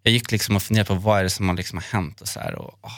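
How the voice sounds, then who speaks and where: A man hosting a podcast, telling a personal memory in an earnest, halting way with many fillers. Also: low voice, steady tone, fairly bright tone, no room sound, studio quality. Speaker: podcast host. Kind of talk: personal storytelling in a chat.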